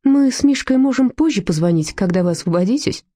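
A woman reading a storybook aloud, voicing a bold, sharp-tongued woman who stands up for her dog. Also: on the high side, expressive, fairly quick, dry recording, studio quality, voice pushed up. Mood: warm teasing.

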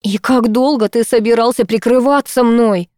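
A woman reading an audiobook, voicing a furious, scornful young woman who lashes out in raised, sharp outbursts. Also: high voice, animated, normal speed, no echo, clean studio sound, voice pushed up.

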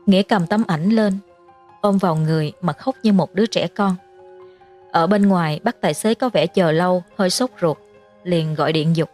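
A woman narrating a horror story in a measured storytelling manner. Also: lowish voice, a little mellow. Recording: faint music underneath.

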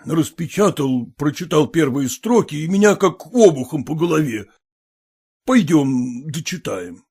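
Storybook: a man doing a broken, tearful old gentleman, slow and faint. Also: a little high, lively intonation, breathy edge, exaggerated voice. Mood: shaken. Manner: moaning, pleading, weak. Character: distraught older nobleman, weeping and faint.

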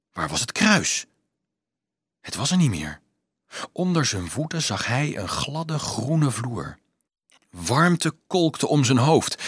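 A male audiobook narrator with a mid-pitched, slightly husky voice, reading in a dramatic and expressive way. His pitch rises and falls a lot with the tension of the story, and the close recording is dry, with no room echo. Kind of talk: scripted narration.

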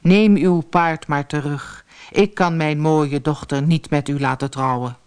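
A woman voicing an aging king in a storybook, speaking in a lowered voice that stammers and hesitates. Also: steady tone, unhurried, darkish tone, clean tone. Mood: apologetic. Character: older king of Persia, proud but hesitant.

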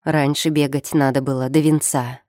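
A woman's voice: sits low, level tone, normal speed, mellow, dry recording, clean studio sound, close to an everyday voice. A woman voicing a stern middle-aged princess and mother who speaks sharply and scornfully in an audiobook. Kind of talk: audiobook character reading.

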